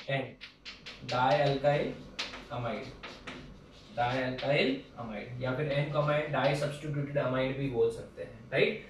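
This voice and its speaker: Male chemistry teacher, classroom lecture style, asks and answers his own questions. Mic far off in a reverberant room. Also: a little high. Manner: asks questions and answers them himself, Hindi mixed with English terms. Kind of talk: chalkboard chemistry lesson. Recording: roomy and distant, faint background hum.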